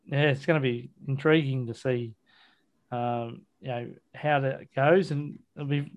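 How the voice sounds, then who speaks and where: Australian man, sports podcast host, mid-pitched voice, casual match-review chat, matey, colloquial, blokey. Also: fairly even intonation, measured pace.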